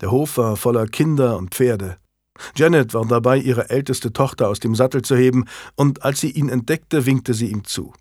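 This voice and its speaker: A man narrating a historical novel in a steady, measured, scripted reading. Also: medium pitch, no room sound, clean studio sound. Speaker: audiobook narrator.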